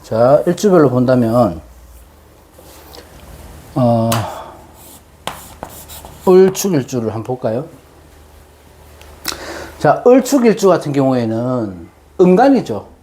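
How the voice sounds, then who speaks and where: A man giving an unscripted explanatory lecture, haltingly, his articulation slightly slurred and tangled as if numb from the dentist. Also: mid-range voice, sing-song, dark tone, slight background noise. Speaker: fortune-telling lecturer.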